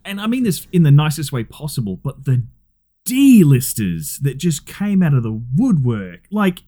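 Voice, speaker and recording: A man co-hosting a casual podcast chat, animated and quick to play out scenes in silly voices. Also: a little high. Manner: animated, does silly character voices when retelling. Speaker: podcast co-host.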